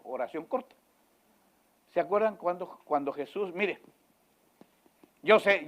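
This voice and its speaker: Male pastor, slightly high voice, dramatic loud-to-soft delivery, keeps checking if the congregation follows. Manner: emphatic preaching with sudden swings from loud to hushed; asks the congregation questions again and again. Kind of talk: sermon.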